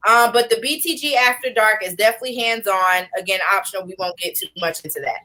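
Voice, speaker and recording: A woman co-hosting a casual livestream chat, presenting a retreat schedule in a relaxed, joking way. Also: mid-range voice, fast, rough recording.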